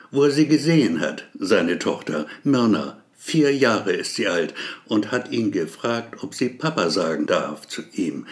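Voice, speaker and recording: A man reading a story aloud as narrator, with dramatic, wry storytelling. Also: on the low side. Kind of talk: audiobook narration.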